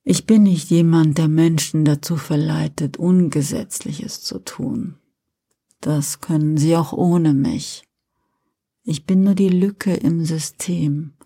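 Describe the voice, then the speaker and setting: In a whispered role-play storybook, Lucifer speaks slowly and softly, as a woman acts him out, a calm fallen angel coaxing with gentle persuasion. The voice is low, dark and breathy, unhurried in every word. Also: exaggerated voice. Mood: soft persuasive.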